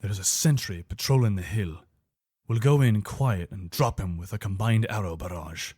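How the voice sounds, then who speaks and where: Speaking at a moderate pace, a man with a fairly low, slightly mellow and husky voice performs game voice lines as an imperial legion soldier. The character is loyal and wary, and his delivery stays earnest, steady and soldierly. The recording is studio-quality with no room sound.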